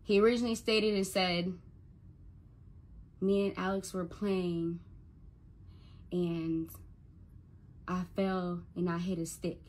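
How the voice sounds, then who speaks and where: A woman's voice: lowish voice, flat delivery, slow pace, pauses often, a little mellow. A young woman telling an emotional personal story to the camera as a mother, stuttering and repeating words when she gets upset.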